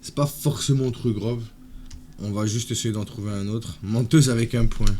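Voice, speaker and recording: A man's voice: medium pitch, steady tone, normal speed, mellow, slight background noise. A man hosting a livestream, chatting casually with crude joking banter. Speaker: streamer.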